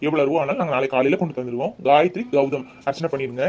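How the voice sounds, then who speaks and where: A man's voice: medium pitch, very fast, a little mellow, dull audio, close to an everyday voice. A man voicing an earnest young newlywed husband in a cartoon, coaxing and pleading with his wife. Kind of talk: cartoon voice acting.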